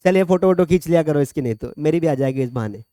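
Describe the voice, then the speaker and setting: A male teacher, his voice sitting high for a man, lectures a classroom in a dry, close-miked sound. He chats, jokes and calls on students by name between points. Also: lively intonation, fast talker, mellow, no room sound. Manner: chatty, joking, quizzes students by name. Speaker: English teacher.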